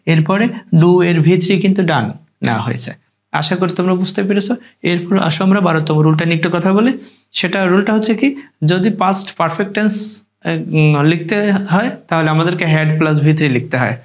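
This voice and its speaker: A man teaching a grammar lesson, patiently repeating each rule step by step. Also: sits high. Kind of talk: grammar lecture.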